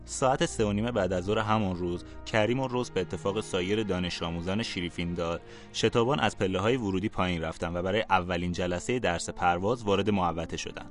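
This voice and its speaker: A man calmly narrating a fantasy storybook for a podcast. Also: low voice, soft background music.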